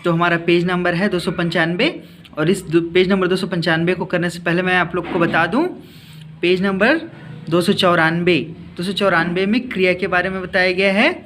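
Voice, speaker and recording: A man's voice: high-pitched, level tone, normal speed, a bit bright, slight background noise. A male teacher explaining a class lesson to children, repeating points and asking them questions.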